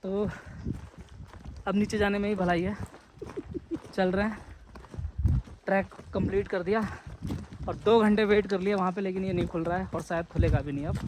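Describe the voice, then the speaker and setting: A man's voice: high voice, fairly even intonation, moderate pace, pauses often, background noise. A man chatting casually to his viewers while trekking up a foggy hill trail, speaking into a handheld camera. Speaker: travel vlogger. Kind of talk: casual vlog narration to viewers. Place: outdoor hill trek in fog.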